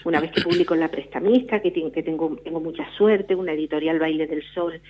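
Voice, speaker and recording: A woman's voice: deep voice, a little fast. A middle-aged woman from La Palma, a novelist telling her story in a radio interview, often restarting her sentences. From La Palma, Canary Islands. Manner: reflective storyteller with frequent restarts. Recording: tinny phone line.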